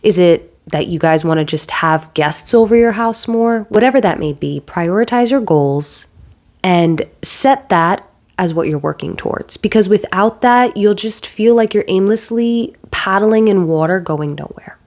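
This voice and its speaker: A stay-at-home mom vlogging casually, sounding nasal from a cold, chatty and self-deprecating with rambling asides, holding a handheld mic at home. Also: female voice, medium pitch, lively intonation, unhurried, darkish tone. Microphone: handheld microphone.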